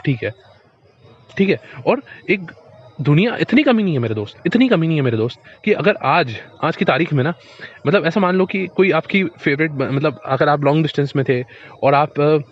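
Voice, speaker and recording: A man delivers a motivational monologue in a casual, direct manner, speaking to the listener as a friend and circling back over his points. His voice sits a little high. The recording is dull and lo-fi.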